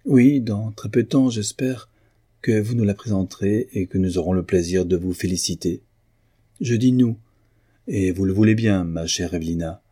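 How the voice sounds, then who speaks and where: A man's voice: fairly low pitch, normal speed, slightly rough. A man reading a gracious young nobleman. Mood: courteous. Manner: polite and warm formality.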